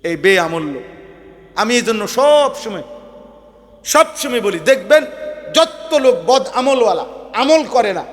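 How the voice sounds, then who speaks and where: A man preaching a waz sermon, his voice pitched high and carried by long reverb. He swings between loud, fervent declaiming and quiet asides. Now and then he mimics the people he scolds.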